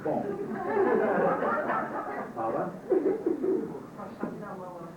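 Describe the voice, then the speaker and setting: On an old VHS tape recorded from afar, muffled and echoey with background noise, a course instructor gives a classroom lecture. His voice is high-pitched with huge pitch swings and drawn-out words. He tells stories wryly and quizzes his students.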